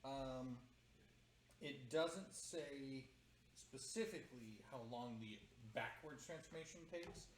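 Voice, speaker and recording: Guy player checking the rulebook out loud, echoey room, faint hiss. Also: medium pitch, slow pace. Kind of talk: reading rules aloud.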